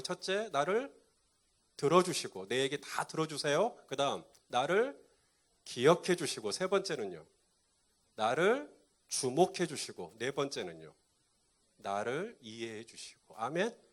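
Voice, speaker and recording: A pastor preaching a sermon to a live congregation, quizzing them and repeating key points. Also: male voice, medium pitch, a bit bright.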